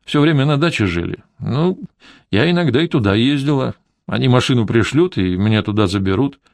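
A man's voice: mid-range voice, expressive, brisk, gravelly, no room sound. A man reading an audiobook, voicing a stubborn, secretive older woman housekeeper who grumbles and refuses curtly. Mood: plaintive, defensive.

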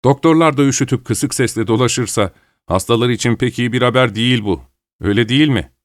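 A man voicing a boisterous young man who talks loudly and teases. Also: mid-range voice, a little fast, dry recording, clean studio sound, natural voice. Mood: teasing. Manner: loud, teasing.

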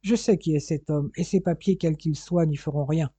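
A man voicing a calm, threatening detective. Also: fairly high pitch, moderate pace, slightly rough, dry recording. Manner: placid, firm, threatening. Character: calm, unflappable male police detective.

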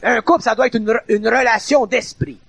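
A man's voice: very high-pitched, steady tone, a little fast, gravelly, fairly bright tone, dry recording. A middle-aged man with a Quebec French accent giving an informal, emphatic spoken lecture, repeating and rephrasing his points in colloquial speech.

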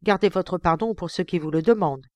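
A woman's voice: fairly low pitch, fairly quick, darkish tone, no echo, close to an everyday voice. A woman voicing a proud, accused young man who answers curtly and defiantly, in an audiobook. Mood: cold. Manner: curt and defiant.

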